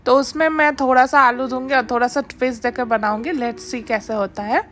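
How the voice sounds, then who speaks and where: Narrating her home cooking channel, a woman speaks fairly quickly in a high voice. She explains each step steadily in a voice-over, with English words sprinkled into what she says.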